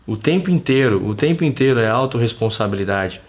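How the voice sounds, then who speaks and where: A Brazilian man hosting a live stream from his home, chatting casually in a slangy, animated way and telling stories with quoted dialogue. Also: mid-range voice, a little fast.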